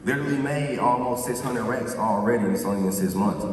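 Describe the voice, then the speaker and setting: A man's voice: mid-range voice, quick pace. A man in his twenties speaking to a live audience, boastful and slangy, often asking "you feel me?". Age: 20s. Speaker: guest speaker. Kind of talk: motivational talk to a live audience. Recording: echoey hall, far from mic, crowd noise.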